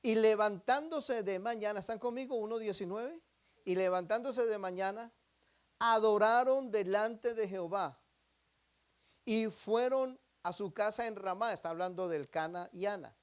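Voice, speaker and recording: Male pastor, high voice, sermon delivery with rhetorical questions and sharp volume swings. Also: normal speed. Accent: Latin American Spanish. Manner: preaching with rhetorical questions to the congregation; swings between emphatic loud phrases and quiet drops.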